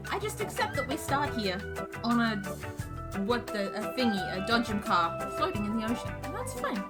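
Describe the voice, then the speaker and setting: Lively, higher-voiced woman streamer. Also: normal speed. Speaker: streamer, game commentator. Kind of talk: casual let's play commentary. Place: indoor room with bookshelves. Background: loud game music.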